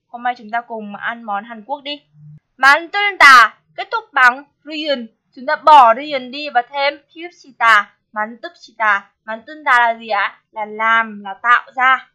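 A woman's voice: sits high, sharp tone. A woman teaching a language course, patiently explaining grammar and asking her students check questions.

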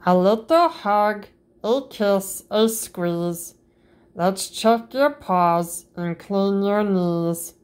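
A woman reading a picture book aloud to children in a slow, sing-song manner, jumping up high on the playful sound words. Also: animated, darkish tone, clean tone. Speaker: storybook reader.

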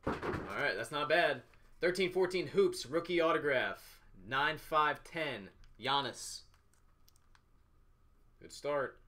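Guy doing unboxing commentary, bright voice, short clipped item callouts, bit of background noise in a small office. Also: on the high side, takes it slowly, long pauses. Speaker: host of a sports card box-break show. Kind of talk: unboxing commentary, calling out items.

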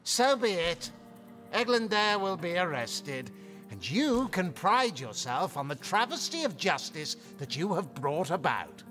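Disdainful male captain for fantasy game: sardonic, haughty, high voice, animated, music behind. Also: measured pace, full character voice. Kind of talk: fantasy video game acting.

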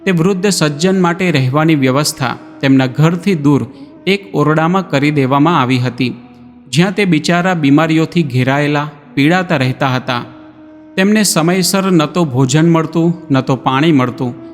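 A man narrating a scripted moral story in a measured tone, addressing listeners as friends. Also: on the high side. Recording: long reverb, background music.

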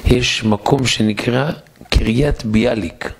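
A man preaching as a rabbi in a synagogue, telling a story vividly and slowing down for emphasis. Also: mid-range voice, gravelly, breathy edge. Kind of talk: storytelling sermon.

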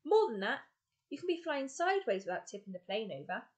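A woman's voice: on the high side, sing-song, fast talker. A woman reading a brusque male explorer. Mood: commanding. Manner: commanding, clipped, shouted over engine noise. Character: gruff, brusque adult male explorer teaching flying.

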